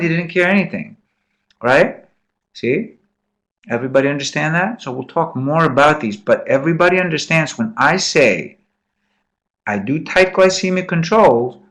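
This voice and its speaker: Man, medical lecturer, live classroom, quizzing students, repeats key points, slightly high pitch. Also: a bit bright. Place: lecture room.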